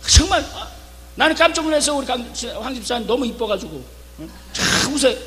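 A middle-aged male pastor preaching a revival sermon, fervent, calling out for amens and shouting his key lines. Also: very high voice, animated, brisk. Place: church hall. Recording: reverberant church hall with faint hum.

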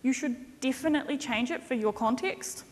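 Standing at a lectern on a big hall's conference stage, a young consultant gives a keynote in a high voice at a moderate pace. She keeps it jokey and conversational, adding lively emphasis, and the recording echoes with the reverberant hall.

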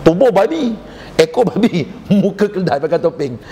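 A male preacher with a Malaysian Malay accent delivers an animated sermon, quizzing the congregation with questions and jokes. His fairly high voice carries a gravelly edge. It rings with long reverb in a prayer hall, with a faint hum underneath. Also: normal speed. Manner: animated, jokey storytelling lecturer. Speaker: religious preacher. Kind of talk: sermon with rhetorical questions to the audience.

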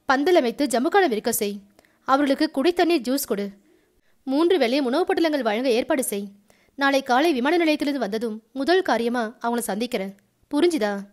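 A sharp, commanding male politician scolds and hands out orders, as a woman reads him in her own high voice. He talks loudly and leaves no room for argument. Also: animated, a little fast. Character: angry middle-aged male politician barking orders.

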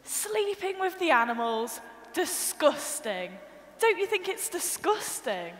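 A woman plays a fussy, indignant wife who keeps pressing her husband to agree with her. Her voice is high and climbs and dips a great deal. A long church reverb trails each line. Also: sing-song, takes it slowly, a bit bright, exaggerated voice. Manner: indignant, repeats herself insistently. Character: fussy complaining wife at a hotel window. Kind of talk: school nativity sketch acting. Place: large minster church.

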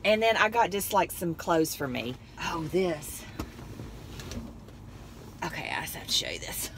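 A woman vlogger with a lowish, very animated voice speaks a little slowly, rambling and laughing often while chatting about her finds. She sits in a parked car that later drives off, and the interior is noisy. A phone on the dashboard serves as the microphone.

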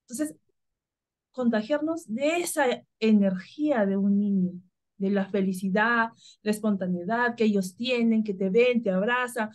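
A woman from Peru, a spiritual guide, talking casually and telling everyday stories with frequent laughter. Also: a little high. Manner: warm, spontaneous storytelling with frequent laughs.

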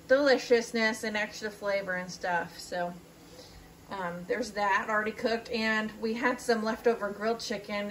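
A young woman talking casually through a recipe in her home kitchen, chatty and relaxed with a lot of fillers. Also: medium pitch, slight background noise, low-quality recording. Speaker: home cook host. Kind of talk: casual cooking vlog narration.

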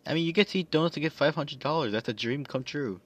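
Higher voice guy jumping in a lot, trips over words. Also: quick pace. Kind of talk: casual group chat.

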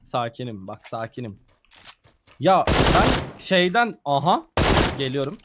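A man's voice: mid-range voice, very animated, slow, noisy background. A young man playing a game with a friend, teasing him and cracking mock-serious jokes. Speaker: guest gamer. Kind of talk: casual gameplay chat with a friend.

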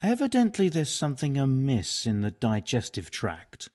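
A scholarly monk in a medieval game. His husky voice is mid-pitched and lively in its swings, with precise, dry, bookish delivery. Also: normal speed. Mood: studious. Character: learned, matter-of-fact medieval monk physician. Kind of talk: video game dialogue acting.

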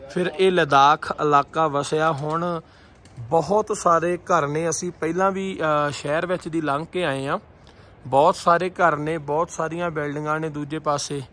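A man's voice: on the high side, fairly bright tone. A man from Punjab narrating a travel vlog outdoors in the mountains, telling a temple story reverently and praising the scenery with enthusiasm. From Punjab, India. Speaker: travel vlogger.

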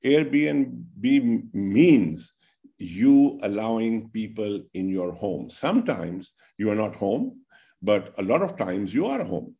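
A man's voice: fairly low pitch, big pitch swings, slow pace, gravelly, dark tone. Older man, Pakistani English accent, webinar panelist, rhetorical questions, dull webcam audio. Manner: argues point by point, rhetorical questions. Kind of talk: webinar answer. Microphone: video call webcam.

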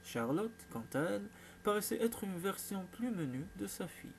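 Narrateur masculin à la voix claire. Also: male voice, high voice, lively intonation, normal speed, creaky, a little mellow, a little hiss or hum. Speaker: audiobook narrator. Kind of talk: scripted narration.

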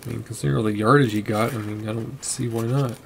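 A man's voice: medium pitch, fairly even intonation, fast talker, creaky. Man muttering names over a noisy recording. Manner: chatty, muttering names as he flips through cards. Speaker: card collector vlogger. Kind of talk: casual narration while sorting cards. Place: desk at home, indoors.

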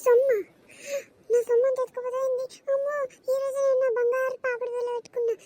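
A woman's voice: extremely high pitch, flat delivery, fast talker, mellow, voice pushed up. A woman voicing a grumpy, suspicious old mother-in-law in a cartoon, who scolds, complains and nags. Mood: scolding.

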